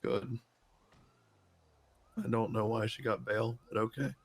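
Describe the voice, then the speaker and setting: A man with a low voice talks in a casual role-play chat. His delivery is dry and stays flat, with little rise or fall. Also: a little slow, slightly rough, dry recording. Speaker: fellow role-player.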